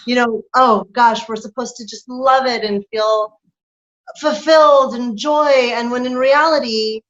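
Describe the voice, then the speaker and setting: A woman's voice: on the high side, measured pace. Candid woman, dull lo-fi sound. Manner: candid, animated, laughs through her points. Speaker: lactation consultant, guest. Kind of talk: conversational interview.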